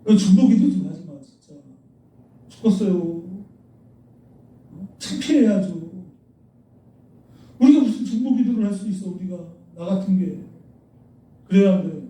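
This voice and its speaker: A man's voice: high-pitched, lively intonation, moderate pace, pauses often, mellow. A man preaching a sermon as pastor, blunt and scolding, firing rhetorical questions at the congregation. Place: church sanctuary. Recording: echoey church hall, mic at a distance.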